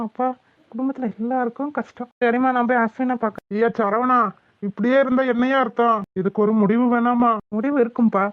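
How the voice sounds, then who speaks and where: Woman doing a steady young village guy in a cartoon, calm and reassuring, highish voice, dry dull sound. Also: no room sound, close to an everyday voice.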